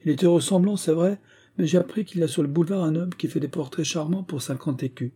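A doting, fussy old mother , as a man puts her on, chattering in a much higher, louder voice. Underneath it stays husky and dark. A storybook audiobook figure. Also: fast. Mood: fussing.

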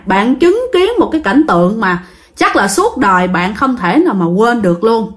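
A woman's voice: a little high, a bit bright. Chatty woman storyteller. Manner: chatty, repetitive, addresses listeners directly. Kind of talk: casual ghost-story narration.

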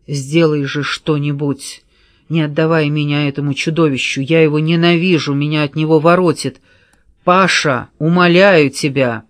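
A woman reading an audiobook, voicing a desperate young woman who shouts defiance and pleads for help. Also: low voice, steady tone, normal speed, no room sound, clean studio sound, lightly acted. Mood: frantic pleading.

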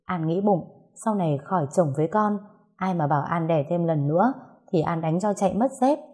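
A woman's voice: lowish voice, expressive, fairly quick, mellow, breathy edge. A woman reading a serialized story aloud, voicing the characters' lines within her narration.

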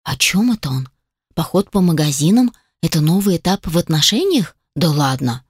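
A woman's voice: sits low, normal speed, breathy edge, no echo, studio quality. Wry woman narrating an audiobook. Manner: wry, expressive storytelling. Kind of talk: first-person audiobook narration.

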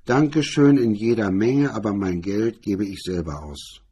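A man's voice: lowish voice, unhurried, mellow, husky. A man voicing a proud, defiant young Hollywood actress, speaking in a clipped, defiant way.

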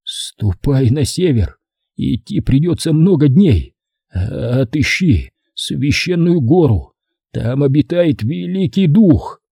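A man doing a dying hunter father, slow and breathless. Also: fairly high pitch, big pitch swings, vocal fry, mellow, slightly rough, dry recording, clean studio sound, pitched above the performer's own voice, full character voice. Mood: weak solemn. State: short of breath.

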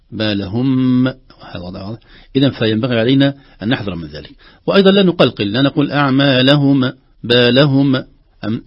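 A man teaches the rules of Quran recitation in a husky voice, patiently sounding out sample words slowly and repeating them. The recording is dry and close, with a slightly dull, muffled tone. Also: medium pitch, no room sound. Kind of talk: explaining recitation rules with spoken examples.

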